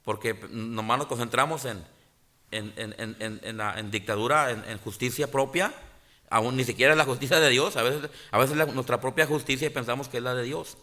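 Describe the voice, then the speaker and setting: Pastor in his 40s, bright forceful voice, preaching in church, lots of restarts. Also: medium pitch. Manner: impassioned preaching, repeats "hermanos" often; halting restarts and filler sounds. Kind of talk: sermon. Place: church sanctuary.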